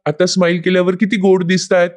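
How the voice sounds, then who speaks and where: A woman's voice: on the low side, little pitch movement, fast, a little mellow, voice pushed up, natural voice. Sweet young wife, caring, read by a woman, storybook retelling. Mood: affectionate.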